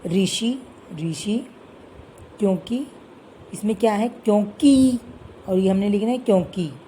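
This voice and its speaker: A woman teacher giving an online lesson to children, slowly reading out word pairs and often checking that they follow. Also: mid-range voice, warm tone, slight background noise, rough recording. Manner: slow and careful, reading word pairs aloud and often asking "theek hai?".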